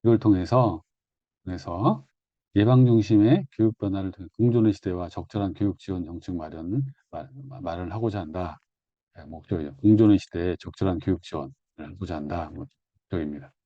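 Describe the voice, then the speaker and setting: Male lecturer, low and very mellow, dry lo-fi sound, repeats key words while explaining. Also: no echo. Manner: repetitive, conversational teaching with self-corrections. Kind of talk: online exam-prep lecture.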